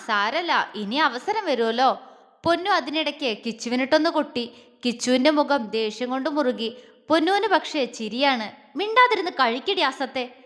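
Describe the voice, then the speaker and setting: A woman storyteller giving a scripted audio story narration in an expressive, measured way. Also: high-pitched, long reverb tail.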